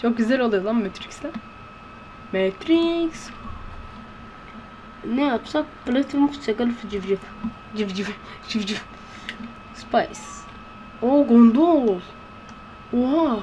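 Hushed, excitable woman gaming. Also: on the high side, measured pace, long pauses, slight background noise. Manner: excitable, blurting reactions and slang; talking in a hushed voice. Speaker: gameplay commentator. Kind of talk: let's-play commentary. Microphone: close to a desk microphone.

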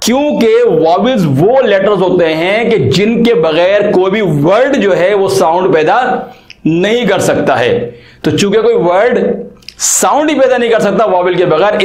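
Guy w/ explaining english grammar, chatty and folksy, higher voice, echoey room. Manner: chatty, folksy, asks rhetorical questions. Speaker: English teacher. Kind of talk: casual explanatory lesson.

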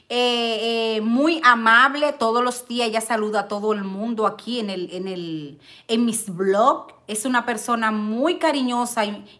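A middle-aged woman chatting on a live stream, reading viewer comments with lots of excited exclamations and loud laughter. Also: on the high side. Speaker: vlogger hosting a live stream.

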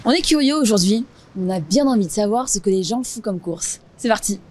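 A young woman presenting and interviewing with a clear, friendly delivery, recorded outdoors on a handheld mic. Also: mid-range voice, animated, brisk, darkish tone. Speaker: host and street interviewer. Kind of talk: scripted presenting and street interviews.

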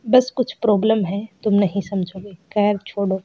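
A woman's voice: medium pitch, fairly even intonation, normal speed, breathy edge, close to an everyday voice. A woman voicing a lonely, tearful young housewife who speaks in a sad, complaining tone. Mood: troubled. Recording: dull lo-fi recording.

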